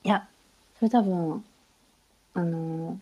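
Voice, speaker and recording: A woman guest in a casual chat, speaking politely and a little hesitantly, with frequent fillers. Her voice is mellow and slightly husky. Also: lowish voice, slow, dull audio. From Kyushu, outside Hakata.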